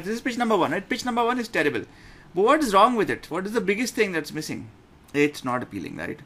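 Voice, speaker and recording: A middle-aged man with a Pakistani accent giving an informal online lecture as a coach, in a blunt, halting way that repeats phrases for emphasis. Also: on the high side, fairly bright tone. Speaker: business lecturer and pitching coach. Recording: clearly noisy room recording.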